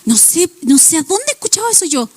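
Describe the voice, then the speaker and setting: A woman's voice: very high voice, sing-song, quick pace, darkish tone. A woman pastor preaching a sermon, illustrating points with everyday examples and acted-out quotes.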